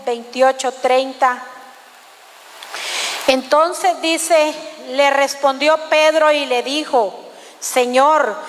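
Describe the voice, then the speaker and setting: A woman's voice: high voice, a bit bright, long reverb tail. A woman preaching a fervent sermon, calling out to the congregation again and again. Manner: fervent, repeatedly addressing the congregation as brothers.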